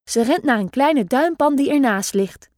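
A woman reading a children's story aloud in a lively, expressive way. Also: high-pitched, normal speed, no room sound, studio quality. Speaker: storybook reader.

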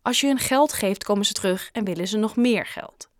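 A woman voicing a kind, gentle grown-up shopkeeper in an audiobook, coaxing and caring. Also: mid-range voice, a little fast, no room sound, studio quality, lightly acted. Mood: wise. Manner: gentle, coaxing, sometimes lively. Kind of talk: audiobook character reading.

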